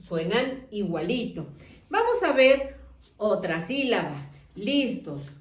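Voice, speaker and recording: A woman teacher leading a children's phonics lesson, drawing out syllables in a slow, sing-song way and praising often. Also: mid-range voice, big pitch swings, roomy sound, distant mic.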